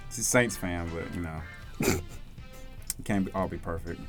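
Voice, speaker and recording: A man's voice: low voice, unhurried, over music. A man in his thirties chatting casually with friends, laid-back and joking, laughing often. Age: 30s. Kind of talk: casual chat among friends.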